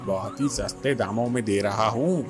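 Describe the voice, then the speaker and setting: A woman's voice: a bass voice, moderate pace, over music, pitched below the performer's own voice. A woman voicing a male crow street seller, hawking his goods in a pushy salesy manner in a cartoon story.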